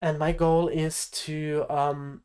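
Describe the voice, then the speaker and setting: A man's voice: fairly high pitch, level tone, slow, a little mellow, smooth. A nineteen-year-old man, a health coach, talking straight to camera in an earnest motivational vlog. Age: teens. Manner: earnest, direct advice to the viewer.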